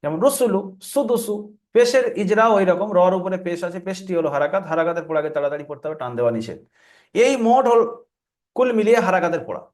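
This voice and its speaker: Male Quran reading teacher, high-pitched and fast, step-by-step tutorial that drills letter sounds in a chant. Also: animated, a little mellow. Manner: explains rules, then drills letter sounds aloud in a repeating chant.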